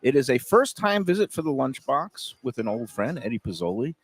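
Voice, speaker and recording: A man's voice: mid-range voice, sing-song, brisk, husky. A man hosts a casual interview outdoors. He is chatty and upbeat and keeps the banter going. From Brooklyn, New York. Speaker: food show host. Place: outdoor restaurant patio.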